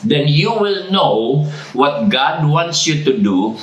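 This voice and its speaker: Preaching in a church sanctuary, a pastor with a Cebuano accent drives home each point by repetition and cues the congregation to repeat phrases aloud. His voice is on the high side and sing-song, heard through a reverberant, lo-fi recording.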